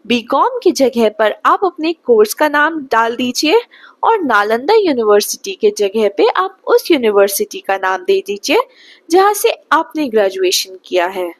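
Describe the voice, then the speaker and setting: A young woman from Bihar teaching spoken English slowly and patiently, often checking whether the listener has understood. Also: a little high, sing-song, no room sound. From Bihar, India. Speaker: English tutor.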